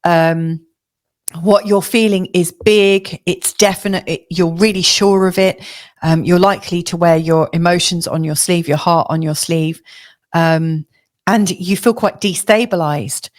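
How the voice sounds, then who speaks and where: Female astrologer, chatty, slightly hoarse, low-ish voice, lots of ums. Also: fairly even intonation, unhurried. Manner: chatty, many fillers and restarts. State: slightly hoarse, losing her voice. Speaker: astrologer giving a weekly forecast. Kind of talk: casual spoken forecast to camera.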